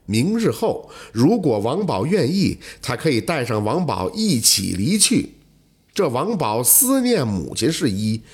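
Brief: male storyteller, husky tone, swings his pitch all over while reading a folk tale. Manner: animated storytelling with dramatic pauses. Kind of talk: scripted folk tale narration.

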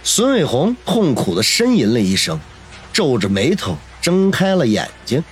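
A man narrating a novel in a dramatic, expressive storytelling voice. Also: medium pitch, moderate pace, soft background music. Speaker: audiobook narrator.

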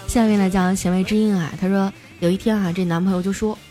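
A young adult woman hosting a comedy show, reading listener jokes aloud in a playful, lively way and chuckling at them. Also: quick pace. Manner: playful, chuckles at the jokes, jumps high for quoted voices. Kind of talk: lively comic joke reading. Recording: background music under the voice.

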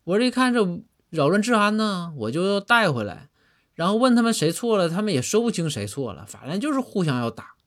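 A man voicing a blustering male constable who reports to his superior in a rambling, animated way. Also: sits high, fairly quick, voice pushed up. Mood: reporting.

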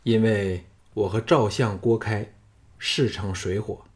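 A cool, self-assured swordsman hero, voiced by a male narrator who speaks low, calm and measured. His voice has a slight husk, and the delivery stays composed throughout this storybook recording. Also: slightly rough. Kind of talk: audiobook character voice.

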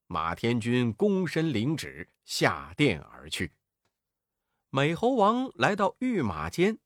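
A man narrating a classic children's story in an expressive, sing-song way. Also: mid-range voice, no echo, clean studio sound.

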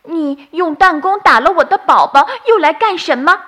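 A woman's voice: extremely high pitch, expressive, normal speed, pushed and bright, voice pushed up, heavily acted. A woman voicing an angry mother bird who scolds protectively in a storybook tale.

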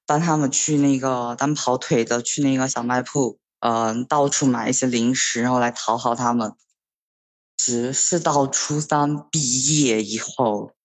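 A sixteen-year-old boy telling a personal story in a hesitant, halting way, with many fillers. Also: medium pitch. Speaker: story guest.

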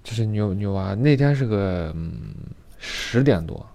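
Man, lowish voice, casual storytelling, rambling, repeats words. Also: lively intonation, a little slow, vocal fry, dark tone. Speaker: vlogger.

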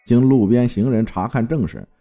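A man's voice: medium pitch, normal speed, mellow, faint music behind. A man from Fujian narrating a folk tale in a dramatic storytelling manner. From Fujian, China.

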